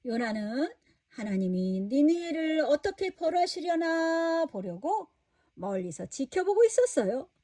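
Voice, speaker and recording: A woman reading a children's Bible story in an expressive, sing-song way. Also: sits high, measured pace, no echo, clean studio sound, far from the mic.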